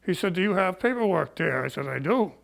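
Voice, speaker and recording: Over poor audio, an older man's high, gravelly, fairly bright voice comes through animated and brisk despite COPD breathlessness. He's a barber venting his grievances in a plain-spoken, folksy, indignant personal story.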